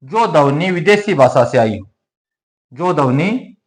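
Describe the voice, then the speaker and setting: Man teaching Hindi grammar in a higher voice. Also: lively intonation, slow. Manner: repetitive, asks questions and answers them himself. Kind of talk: classroom-style lesson.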